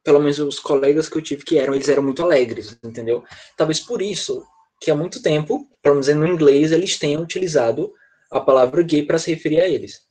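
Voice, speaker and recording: A man's voice: fairly high pitch, fast, a little mellow. A male teacher explaining a grammar point to students on a video call, patient and step by step, often checking whether they follow. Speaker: English teacher. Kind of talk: online class explanation.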